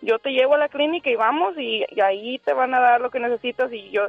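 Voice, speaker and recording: A woman's voice: sits high, fast talker, vocal fry, no echo, faint music behind. A woman in her forties calling in by phone, nervous and giggly, telling a story in a rambling way with many restarts. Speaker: caller. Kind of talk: phone-in call, chatty storytelling. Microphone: telephone. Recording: tinny phone line.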